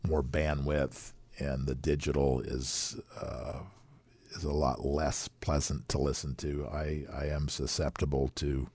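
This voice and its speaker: A man who started a radio station, answering interview questions in a plainspoken, relaxed way and repeating words as he searches for them. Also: rumbling low, unhurried, husky, no room sound. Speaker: radio station founder, guest.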